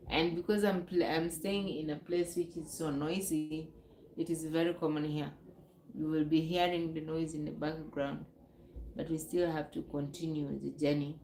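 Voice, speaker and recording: A woman's voice: low-pitched, a little mellow, roomy sound, a little hiss or hum, low-quality recording. A woman from Uganda, chatting casually on her live stream, rambling and repeating herself. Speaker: livestream host. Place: noisy home with kids nearby.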